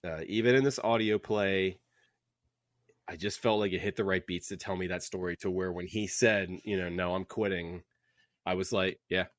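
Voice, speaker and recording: In clean studio sound with no echo, a podcast co-host discusses books casually, his low voice steady at a moderate pace. He voices strong opinions and tends to loop back over what he's just said.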